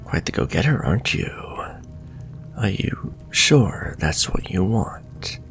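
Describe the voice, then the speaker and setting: Playing a sinister yet suave and flirtatious warlock shopkeeper for a fantasy ASMR roleplay, a man speaks softly and politely, slipping into breathy whispers. He sits low and takes it slowly, heavily acted and very animated in a sly, bargaining mood, over faint music.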